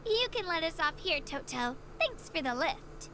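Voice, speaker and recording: A woman voicing a shy, earnest young woman in a video game, who speaks gently and a little unsure of herself. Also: extremely high pitch, big pitch swings, normal speed, heavily acted. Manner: gentle, a little self-doubting.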